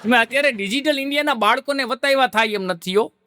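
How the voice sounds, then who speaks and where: Male comic, high bright voice, dry mic, jokey storyteller. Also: fast talker, no echo. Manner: laughing storyteller who sings snatches of old songs. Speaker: stand-up comedian. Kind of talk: stand-up joke telling.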